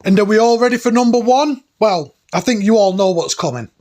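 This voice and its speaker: A man's voice: sits high, expressive, fairly quick. A man around forty hosting a retro gaming video with enthusiastic, nostalgic, informal commentary and emphatic delivery. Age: late 30s to early 40s. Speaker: host of a retro gaming countdown. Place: cabin, indoors.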